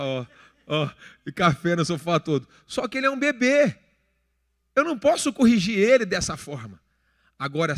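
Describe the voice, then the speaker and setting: A man's voice: sits high, fairly bright tone. A man in his thirties with a Brazilian accent, preaching a sermon in a conversational, joking way and acting out little everyday scenes. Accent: Brazilian Portuguese. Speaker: pastor. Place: church hall. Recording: long church reverb.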